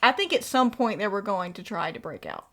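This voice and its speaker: A woman's voice: medium pitch, animated, a little fast, fairly bright tone. A woman co-hosting a casual fan chat, recapping the story with fillers and growing emotional. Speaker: podcast co-host.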